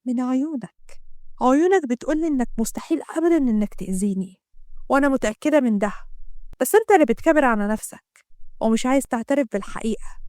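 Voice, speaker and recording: Storybook heroine: bold, teasing young woman, voiced by a woman narrator, Egyptian, high and quick. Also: expressive, a little mellow, no echo, clean studio sound. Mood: confident. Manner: taunting, self-assured. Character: defiant, sassy young woman.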